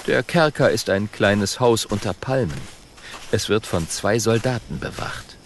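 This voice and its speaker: A man narrating a children's audiobook in an expressive storytelling manner. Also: on the low side, measured pace, a little hiss or hum.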